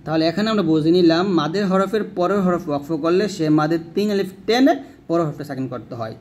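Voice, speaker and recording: Man slowly teaching Quran reading rules. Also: on the high side, lively intonation, a little mellow. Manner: explains step by step, then recites the example words slowly and drawn out. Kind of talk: explaining Quran reading rules with recited examples.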